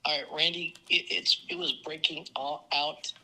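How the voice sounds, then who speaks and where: Bright male voice over a speakerphone. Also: a little high, little pitch movement, poor audio. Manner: halting, asks for repeats. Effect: heard over a speakerphone. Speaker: engineering consultant on a call. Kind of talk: answering questions by phone.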